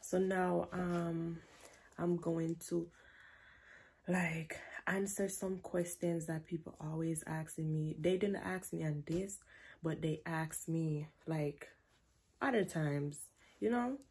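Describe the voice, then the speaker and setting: A woman's voice: on the low side, slow pace, breathy edge. A woman in her twenties from Jamaica with a Jamaican accent, chatting playfully in a casual Q&A vlog from her bedroom, slipping into patois. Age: 20s. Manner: relaxed, playful, drifts into patois. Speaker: vlogger. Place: bedroom, indoors. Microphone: camera at close range.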